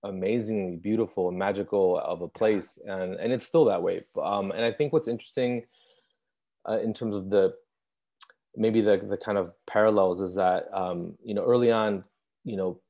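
Deep-voiced hesitant man on a video call. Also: steady tone, normal speed. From Chicago. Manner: thoughtful, hesitant, many ums. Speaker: visual artist guest. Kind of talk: remote interview over video call. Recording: dull lo-fi video call audio.

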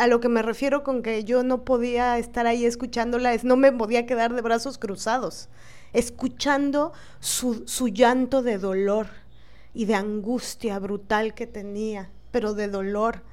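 A woman with a Mexican accent telling a personal story in an earnest, halting, indignant way. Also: on the high side, fairly even intonation, darkish tone, smooth. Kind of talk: personal account.

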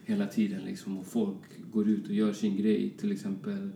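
A man from Colombia talks casually as a fashion designer guest, rambling and restarting often. His voice is low, dark and gravelly. He sounds distant in an echoey room. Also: completely flat delivery, slight background noise. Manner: rambling, many fillers and restarts. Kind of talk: casual interview chat. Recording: roomy echo, distant from mic.

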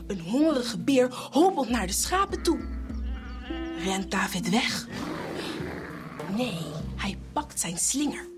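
A woman's voice: fairly high pitch, slow pace, long pauses, music in the background. A woman telling a children's Bible story, acting out the figures and singing bits. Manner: animated, acts out figures and sings.

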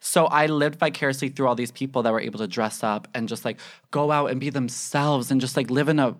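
A young man chats as a guest in a podcast studio. He rambles with lots of "like" and gets excitable and loud, close on the mic. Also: medium pitch, a little fast. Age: young adult. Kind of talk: casual chat.

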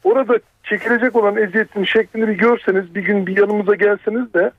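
A man's voice: high-pitched, steady tone, fast talker, no room sound. A man calling a phone-in show by telephone, arguing his point. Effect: over a telephone. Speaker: phone-in caller, doctor. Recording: tinny, narrow phone line.

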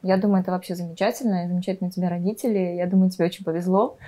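A woman's voice: on the low side, fairly even intonation, very fast, warm tone. A woman hosting a podcast in a conversational interviewing style. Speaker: podcast host.

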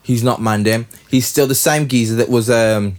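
A man talks in a London roadman accent, thick with street slang. His voice sits at a middling pitch, and he argues casually but emphatically, hammering phrases by repeating them. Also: fairly even intonation, moderate pace, crowd noise. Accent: London, urban street style. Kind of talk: casual, opinionated chat.

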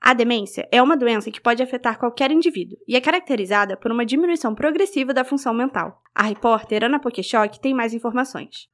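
A woman news anchor, introducing reports in a brisk presenting style. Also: a little high.

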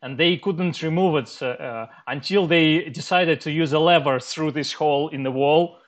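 A man in casual chat, halting and pausing often as he tells a story. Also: fairly high pitch. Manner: halting, many uh fillers. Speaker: podcast host.

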